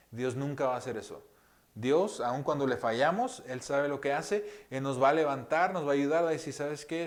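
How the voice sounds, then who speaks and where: A man giving a conversational sermon as pastor, speaking gently with many pauses, fillers and rhetorical questions, often dropping to a hushed voice. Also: mid-range voice. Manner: drops to a hushed soft voice often. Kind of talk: sermon teaching.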